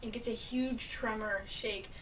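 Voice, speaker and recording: A woman's voice: on the high side, a little slow, recorded from a distance, slight background noise, poor audio. A young woman co-hosting a casual podcast, telling family stories with lots of laughter. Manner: animated storyteller, laughs often. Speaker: podcast co-host. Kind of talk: casual chat.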